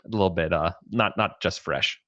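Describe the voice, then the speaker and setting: A man's voice: sits low, normal speed, sharp tone, dry recording, muffled recording. A man in his late twenties, a guest on a podcast who runs tabletop games, talking casually in a laid-back way. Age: late 20s. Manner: laid-back, lots of "uh" fillers and restarts.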